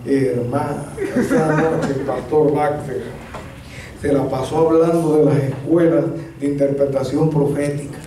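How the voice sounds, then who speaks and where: Man preaching, high voice, lively humorous storyteller; distant mic in a very echoey church hall. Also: a little slow, noisy background. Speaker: pastor. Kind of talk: storytelling sermon.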